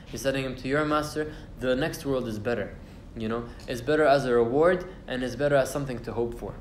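A young man teaches an informal tafsir class on the Quran in a university lecture room, speaking casually with fillers and restarts and reciting Arabic verses. His voice is mid-range, and the recording is reverberant with a little hiss or hum.

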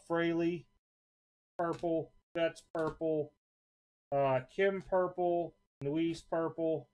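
A man's voice: on the high side, darkish tone. A young adult man hosting a casual live stream, offhandedly listing sports cards for an upcoming auction while handling them at his desk. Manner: offhand, rattles off card names in quick lists. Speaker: card shop host previewing auction items. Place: indoor desk with card displays, off camera.

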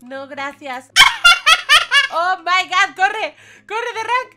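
Woman, Spain Spanish accent, gaming host, casual let's play, excitable, giggly, very high voice. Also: extremely slow, very noisy. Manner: excitable, giggly, yelps "wow" as a dog.

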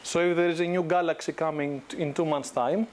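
Speaking as a guest lecturer, this thirtysomething man from Greece delivers a casual business talk to university students, often restarting sentences and using fillers. His pitch runs a bit high for a male voice, his pace is brisk, and the lapel mic keeps him close and clear despite a little hiss or hum.

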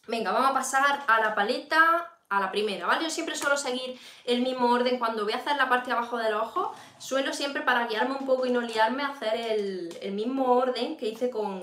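During a casual makeup tutorial livestream in a room at home, a woman with a Peninsular Spanish accent talks straight to her audience, reading and answering comments as she goes in a chatty way. Her voice is a little high with a sharp tone, and the echoey recording carries a little hiss or hum.

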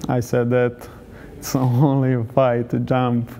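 A man in his twenties with a Serbian accent, a football player answering interview questions in short, halting phrases. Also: medium pitch, monotone, warm tone, slight background noise. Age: 20s. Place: hotel lobby, indoors. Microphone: lapel.

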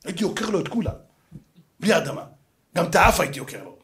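A rabbi teaching a lively Torah class, his voice sitting high for a man. He tells the story dramatically, jumping between loud shouts and hushed asides as he acts out each character in casual street slang. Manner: slangy, colloquial street Hebrew. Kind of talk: animated Torah lesson.

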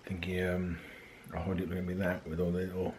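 Man, thirties, casual vlog, rambling, hesitant, deep voice, camera at arm's length, faint noise. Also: monotone, quick pace, a little mellow. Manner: rambling, hesitant with many ums. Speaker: vlogger. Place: outdoors in a park, then in a car, then at home. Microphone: handheld camera at arm's length.

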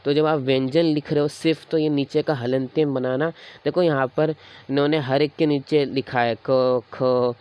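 A man's voice: medium pitch, fairly even intonation, moderate pace, smooth. A man teaching a grammar lesson, patiently repeating each sound aloud to demonstrate it. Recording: dull lo-fi recording.

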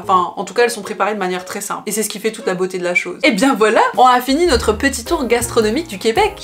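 A woman food vlogger narrating in a chatty, playful way and joking at her own expense. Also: medium pitch. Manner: chatty and playful, jokes at herself. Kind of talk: casual food vlog narration.

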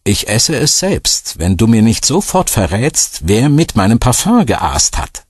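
A man reading an audiobook voices a suspicious, sharp-tongued woman who pries into everything, lifting his deep, husky voice higher for her. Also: very animated, a little slow, no room sound, studio quality, exaggerated voice. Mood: grumbling. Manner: suspicious and prying, sometimes delighted.

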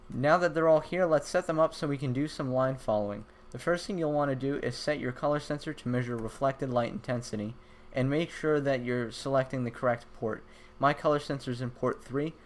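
A young man narrating a programming tutorial, explaining each step clearly with casual asides. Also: mid-range voice. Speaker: robotics tutorial host. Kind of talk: screen-recorded tutorial narration.

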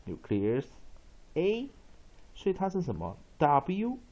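A man teaching English pronunciation, repeating example words slowly and emphatically and dropping short filler particles between phrases. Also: fairly high pitch, wildly swooping pitch, darkish tone, muffled recording. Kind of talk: pronunciation lesson.

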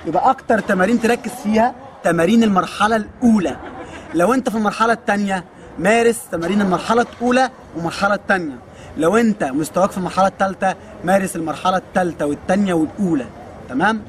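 A man's voice: high-pitched, a little hiss or hum. A man in his twenties with an Egyptian accent, a kung fu coach answering viewer questions in a joking, teasing way. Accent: Egyptian Arabic. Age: 20s. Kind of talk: casual Q&A.

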